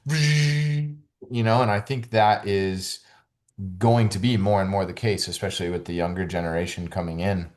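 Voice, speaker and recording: A man with a notably low, deep voice speaks as a guest on a conversational podcast. He rambles in a relaxed way, leaning on "like" and "you know", and his earnest tone climbs higher and livelier when something excites him. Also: normal speed. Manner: loose and rambling, full of "like" and "you know", with earnest spiritual talk. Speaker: holistic fitness coach, podcast guest. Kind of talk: casual conversational interview.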